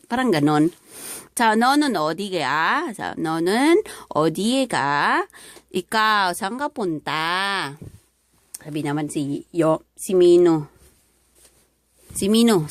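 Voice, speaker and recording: A woman's voice: medium pitch, dry recording, studio quality. A woman with a Filipino accent teaching a lesson word by word, with many fillers. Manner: mixes languages, explains word by word with many fillers. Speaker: language teacher. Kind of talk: classroom-style lesson explaining dialogue.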